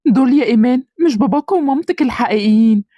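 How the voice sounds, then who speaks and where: A woman voicing an earnest young male police officer in an amateur cartoon drama, talking in fast, pleading questions. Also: on the high side, no echo, dull audio, lightly acted.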